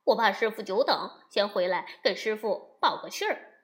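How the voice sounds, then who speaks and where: A woman voicing a cocky male monkey king, boastful and scolding, in a lower, louder voice than her narration. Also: animated, normal speed, close to an everyday voice.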